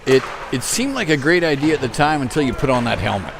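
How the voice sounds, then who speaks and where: A man calls a hockey game play by play in a loose, joking way, keeping up with the puck as it moves. His voice sits in the middle range. A steady wash of loud rink noise runs under everything he says. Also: medium pitch, gravelly. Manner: jokey, quick to follow the action. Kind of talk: casual amateur play-by-play commentary.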